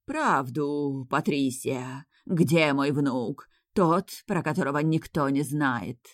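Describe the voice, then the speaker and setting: A woman reading an audiobook, voicing a girl who fakes a dead grandmother's ghost with slow, hollow howling words. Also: sits low, no echo, studio quality. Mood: eerie.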